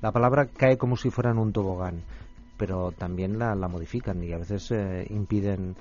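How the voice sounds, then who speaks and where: A man's voice: low-pitched, moderate pace, darkish tone, muffled recording, faint music behind. A man speaking as a guest expert in a radio discussion, thoughtful and hesitant.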